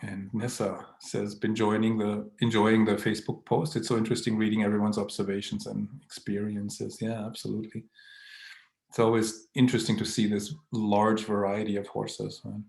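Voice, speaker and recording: A man's voice: lowish voice, little pitch movement, moderate pace, vocal fry, a little mellow, echoey room. A man hosting a casual live online Q&A. He reads viewer comments aloud, greets people by name, and chuckles often.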